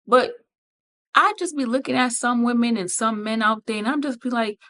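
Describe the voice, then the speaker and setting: A woman's voice: on the high side, moderate pace, a bit bright. A woman hosting a podcast, giving blunt, profane motivational advice with emphatic repetition and frequent check-ins with the listener. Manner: repeats points with frequent "okay?" check-ins. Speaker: podcast host. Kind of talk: motivational casual talk.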